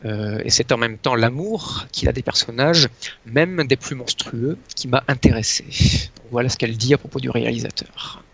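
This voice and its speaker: A man presenting as an astrologer guest in casual talk, hesitant and often pausing to search for his words. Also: medium pitch, gravelly, a bit bright. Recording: dull lo-fi sound.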